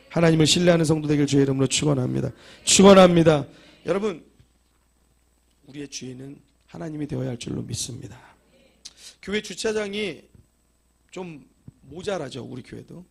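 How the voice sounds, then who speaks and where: Male pastor, husky and high, emphatic sermon storyteller. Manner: emphatic preaching, rising to loud exhortations; storytelling with acted quotes.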